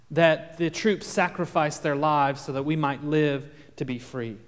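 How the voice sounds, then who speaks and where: A man with a Texas accent preaching a sermon as pastor, earnest and explanatory, with dramatic pauses and swings in volume. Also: on the high side. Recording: long reverb of a large room.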